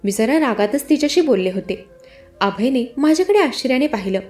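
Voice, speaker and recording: A woman's voice: high voice, animated, fairly quick, a little mellow, soft background music. A woman telling a dramatic story in the first person, with emotional scripted narration and a Marathi accent.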